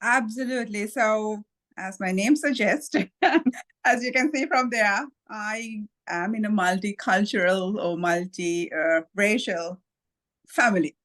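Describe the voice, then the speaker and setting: A woman from Sri Lanka speaking as a guest on a podcast. She tells her story in a thoughtful, measured way, pausing to pick her words. Light laughs come now and then as she talks. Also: medium pitch, a bit bright. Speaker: guest author. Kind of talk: podcast interview.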